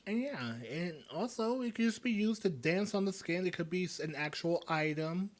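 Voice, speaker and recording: A man's voice: high-pitched, lively intonation, moderate pace. A man co-hosting a podcast in casual chat, joking and trailing off into fillers. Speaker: podcast co-host.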